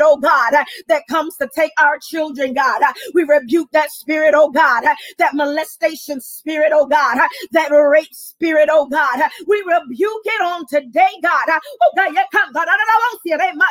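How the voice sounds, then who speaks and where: A woman's voice: high voice, a bit bright, dry recording. A woman preacher praying fervently in a Pentecostal style, with impassioned, chanting declamation, repeated refrains and rhythmic interjections. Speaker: preacher leading prayer.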